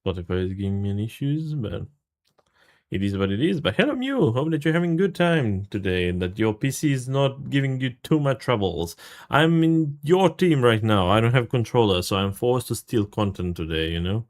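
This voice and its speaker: A man's voice: mid-range voice, very animated, moderate pace. A man from Serbia, casually commentating a live game stream, greeting chat and swearing freely.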